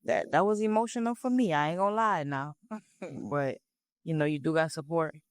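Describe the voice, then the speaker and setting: A male host runs a casual interview in a laid-back, reactive way. His voice is smooth and resonant, sitting a little high. The recording is dry and close. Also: moderate pace, dry recording.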